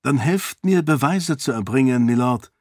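A man's voice: medium pitch, expressive, moderate pace, dry recording, studio quality, pitched above the performer's own voice, lightly acted. A man voicing a resolute young princess who argues firmly and urgently with a council of lords. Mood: firm persuasive. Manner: firm, persuasive, urgent.

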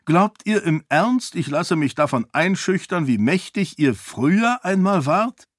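A scornful, impatient king who mocks whoever stands before him, as a male narrator puts him on. His voice rides high above the narrator's own and comes out pushed and sarcastic. The sound is close and dry, as in an audiobook studio. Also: animated, a little slow, no echo. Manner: sarcastic, raised and pushing.

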